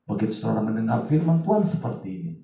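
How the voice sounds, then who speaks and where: Pastor preaching in an echoey hall. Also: male voice, on the low side, very animated, quick pace, creaky, recorded from a distance. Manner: chatty, swings from loud to hushed asides. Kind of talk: sermon. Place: large church hall.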